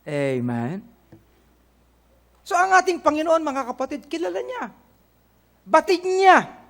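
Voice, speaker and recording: High-voiced Filipino pastor preaching. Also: male voice, wildly swooping pitch, slow pace, creaky, fairly bright tone. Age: middle-aged. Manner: preaching in Tagalog mixed with English, quoting scripture; calls on the congregation with "Amen?" and "Correct?". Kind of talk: sermon.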